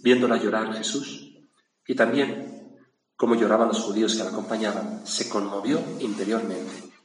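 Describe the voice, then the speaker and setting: A man's voice: lowish voice, fairly even intonation, moderate pace. A man from preaching a reflective gospel sermon, in a conversational manner with little asides to his listeners. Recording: echoey hall with faint room noise.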